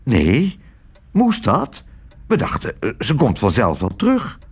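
A man's voice: mid-range voice, wildly swooping pitch, takes it slowly, slightly rough, heavily acted. A man voicing a timid, complaining older aunt who stammers and whines. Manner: stammering, whiny.

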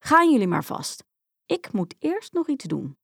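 A woman voicing a clever, brave little boy in a children's story, with a high, eager and excited way of talking, recorded dry and close. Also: measured pace, gravelly, no echo, full character voice.

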